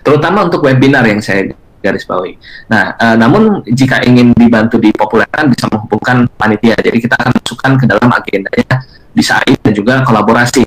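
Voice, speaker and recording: A man's voice: medium pitch, a bit bright, poor audio. A man presenting a live online webinar, talking in a hesitant way with many filler sounds and polite address to the audience. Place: online video conference.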